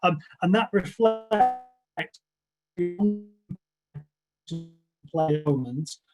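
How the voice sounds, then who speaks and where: A man's voice: sits high, animated, very slow, loud music behind the voice, low-quality recording. A man giving a public health briefing over a video call whose audio glitches and cuts out, talking hesitantly with many ums and restarts. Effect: glitching, cutting-out video call audio. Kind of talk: online briefing talk.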